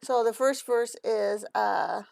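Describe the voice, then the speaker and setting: A woman giving a children's Bible lesson with a puppet, explaining things in a patient, gentle way. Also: fairly high pitch, takes it slowly, vocal fry, no echo.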